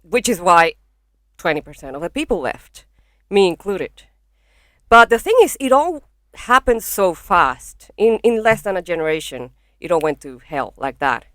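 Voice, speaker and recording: A young Venezuelan comedian with a Venezuelan accent speaks frankly and swears freely as a guest on a casual podcast, recorded on a podcast microphone in a small bedroom home studio. Her voice is on the low side, very animated, a bit bright, and at a moderate pace, with no room sound.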